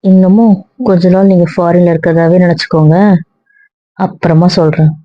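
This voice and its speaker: A woman acting as a young wife who gently soothes and coaxes her anxious husband, in an amateur serial drama. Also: on the low side, fairly even intonation, normal speed, no echo, lightly acted. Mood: soothing. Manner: soothing, coaxing. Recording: dull, dry lo-fi recording.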